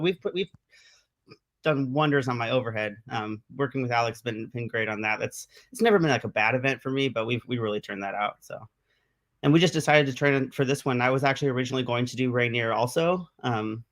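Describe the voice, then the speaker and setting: Relaxed, matter-of-fact male athlete guest. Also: medium pitch. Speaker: pro strongman athlete, guest. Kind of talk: casual interview chat.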